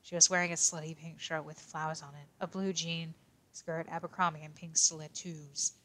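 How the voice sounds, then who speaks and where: A reserved teenage boy detective, played by a woman, reads a silly story aloud in a low, level voice. He keeps an almost monotone delivery and stumbles over strange words. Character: young male teen detective, quiet and reserved. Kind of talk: in-character reading of a fanfic.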